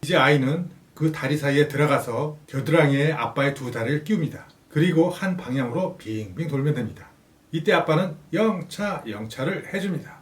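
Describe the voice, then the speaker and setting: A man calmly reading a scripted explanation of parent and child play games. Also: mid-range voice, fairly quick, few pauses. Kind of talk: scripted instructional narration. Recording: roomy, distant voice-over with faint music.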